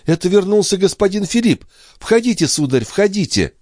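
A man's voice: sits high, very animated, normal speed, a little mellow, no room sound, studio quality, voice pushed up. A man voicing a fussy, kindly young maidservant in a storybook, eager and servile. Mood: excited.

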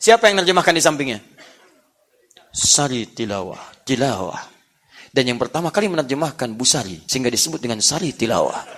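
A man preaching a sermon to a congregation, animated and playful, often laughing and mimicking how others speak. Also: medium pitch, rapid-fire, hardly any pauses. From Indonesia.

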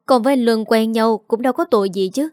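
A woman's voice: on the high side, quick pace, darkish tone, no echo, studio quality, close to an everyday voice. A woman voicing a tearful young daughter pleading with her father. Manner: whining and sobbing.

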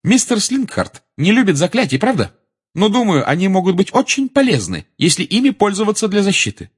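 A man reading as an earnest, clever teenage schoolgirl, pitched well above his natural voice. She talks clearly and insistently, pressing her point with a slightly husky edge. It is an audiobook character voice. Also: sing-song, brisk, exaggerated voice.

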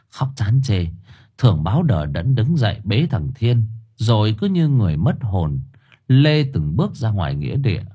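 A man narrating an audiobook story in an expressive, dramatic way. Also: lowish voice, husky.

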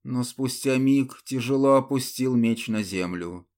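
A man's voice: medium pitch, darkish tone. A man narrating an audiobook in a dramatic, theatrical reading style. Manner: slow, deliberate, theatrical reading.

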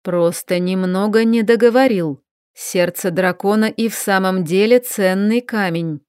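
A woman's voice: medium pitch, unhurried, a little mellow, smooth, no room sound, studio quality, natural voice. A woman voicing a haughty male warlock who talks in a cool, condescending, evasive way. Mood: defensive.

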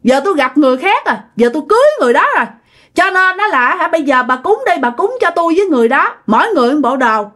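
A woman's voice: sits high, expressive, racing, fairly bright tone, pitched above the performer's own voice. A woman voicing the angry ghost of a dead husband speaking through a neighbor woman, ranting and scolding shrilly. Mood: demanding.

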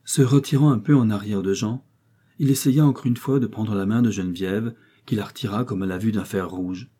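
A man narrating a novel as an audiobook reader in a measured, even way. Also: lowish voice, husky. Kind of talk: scripted narration.

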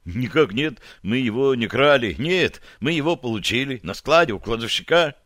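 A man's voice: medium pitch, lively intonation, moderate pace, fairly bright tone, dry recording, close to an everyday voice. A man voicing a frightened, dazed young soldier who answers eagerly in strained replies, in a dry recording.

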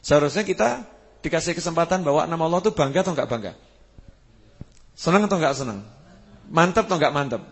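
A man preaches a sermon in a husky, fairly high voice. He builds to emphatic peaks and puts questions to his listeners. His words ring with a long reverb through a large hall. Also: fast, long pauses. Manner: animated, rising to emphatic peaks, asks the audience questions.

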